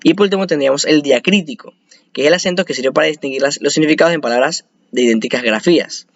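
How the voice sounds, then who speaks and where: A man's voice: on the high side, fast, dry recording, dull audio. A man presenting a spoken lesson on spelling rules, explaining step by step with frequent restarts and hesitations.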